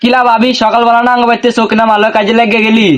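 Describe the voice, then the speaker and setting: A man doing a shrill, combative neighbor woman. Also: level tone, rapid-fire, lo-fi sound. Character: sharp-tongued neighbor woman, quarrelsome. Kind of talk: comedy skit acting.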